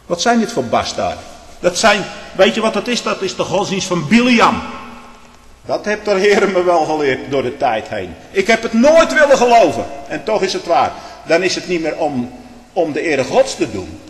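A man's voice: sits high, sing-song, moderate pace. Impassioned man preaching in an echoey hall. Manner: impassioned, swings from loud to hushed, repeats tag questions. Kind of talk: fervent religious testimony. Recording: echoey hall with long reverb.

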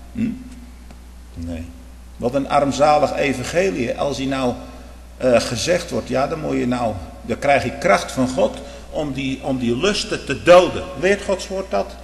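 Fervent preacher man in an echoey hall. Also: vocal fry. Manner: fervent, swings from loud outbursts to low murmurs, rhetorical questions. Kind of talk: sermon. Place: church. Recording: echoey church hall, faint hum.

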